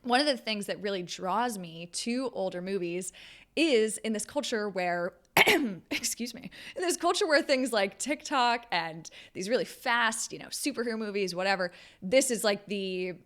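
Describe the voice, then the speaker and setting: A woman speaking as a video creator in a reflective, conversational commentary, pausing mid-phrase as she thinks. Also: medium pitch, animated, a bit bright. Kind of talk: reflective talking-to-camera commentary.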